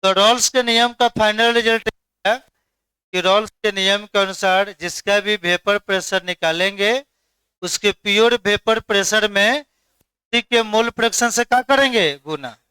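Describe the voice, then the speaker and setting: Loud high-voiced chemistry teacher. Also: male voice, fairly even intonation, unhurried, smooth, dry recording. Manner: loud, questioning the class, mixing English terms. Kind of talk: classroom lecture.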